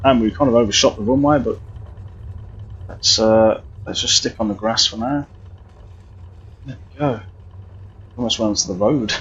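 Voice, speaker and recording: Chatty guy streaming a flight sim, husky voice, kinda muffled lo-fi audio. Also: medium pitch, moderate pace, pauses often, fairly bright tone. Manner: chatty, rambling, many restarts. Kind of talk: live flight sim commentary.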